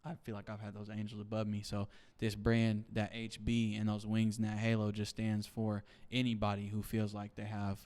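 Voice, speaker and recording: Young guy in his 20s on a podcast, low even voice, smooth, lots of "like, you know". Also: moderate pace, few pauses. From Seattle, USA. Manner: reflective, with many "like" and "you know" fillers. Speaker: podcast guest. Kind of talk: casual interview talk.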